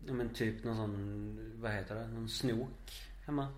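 Relaxed man hosting a podcast. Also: lowish voice, echoey room, noisy background. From Malmö, Sweden. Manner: relaxed, asks questions. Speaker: podcast host. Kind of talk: casual podcast interview.

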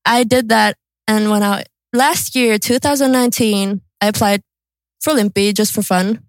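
A 22-year-old woman, born in Kosovo and raised in Sweden, co-hosts a casual podcast with an Albanian-Swedish accent, chatting informally and a bit giggly. Her voice is mid-range at normal speed, with no room sound.

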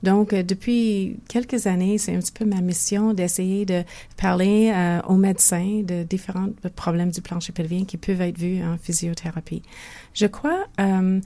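An older woman with a Québécois accent talks through her work as a guest, in a mellow, warm tone. She sits a little low in her range and often pauses to restart a thought. It sounds like an unhurried, considered conversation. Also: fairly even intonation. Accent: Québécois French. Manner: thoughtful, many restarts and hesitations. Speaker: physiotherapist guest. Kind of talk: conversational interview.

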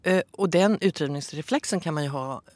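Woman, calm explainer, podcast chat, lowish pitch, dry sound. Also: dry recording. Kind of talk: casual informative podcast talk.

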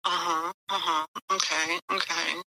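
A woman's voice: lowish voice, level tone, measured pace, crowd noise, low-quality recording. A woman heard over a speakerphone, the host's sister, teasing bluntly and swearing in a casual family call. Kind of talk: casual family phone chat.

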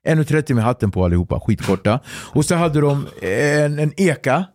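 A man guesting on a podcast, telling a story in a casual, animated way, swearing and acting out what others said. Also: a little high, dry recording. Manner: animated, swearing, acts out quotes, laughs through the story.

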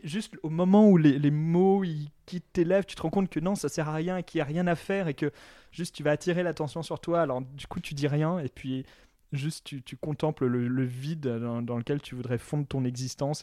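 Mellow self-mocking male storyteller. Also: a little high, dry recording, clean studio sound. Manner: self-mocking, laughing, hesitant fillers. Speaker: podcast guest. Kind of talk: casual storytelling.

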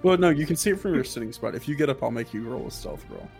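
A man with a medium-pitched voice runs a tabletop game as its game master. He narrates scenes and rules in an easy, casual style, with faint music playing behind him. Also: big pitch swings, fast, vocal fry, a little mellow.

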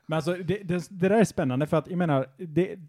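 A man's voice: on the high side, dark tone. A man co-hosting a casual chat, mostly listening and adding short reactions and comments. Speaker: podcast co-host.

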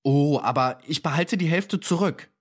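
A man's voice: fairly high pitch, moderate pace, close to an everyday voice. A man voicing a tormented male murderer in his thirties who pleads and justifies himself passionately in an audiobook. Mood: impassioned. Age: 30s. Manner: impassioned, pleading, self-justifying.

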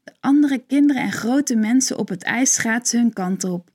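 A woman narrating a children's story in a gentle, clear storytelling manner. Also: on the high side, normal speed.

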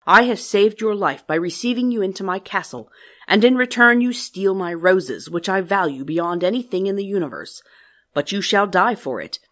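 A woman voicing a fearsome, proud male beast in a storybook reading, speaking loudly and sternly. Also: medium pitch, expressive, moderate pace, close to an everyday voice. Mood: wrathful. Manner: loud, stern and commanding.

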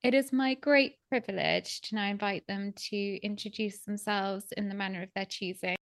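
A woman hosting a podcast, reading a scripted introduction in a measured, formal way. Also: mid-range voice, fairly even intonation, dry recording, studio quality. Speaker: podcast host.

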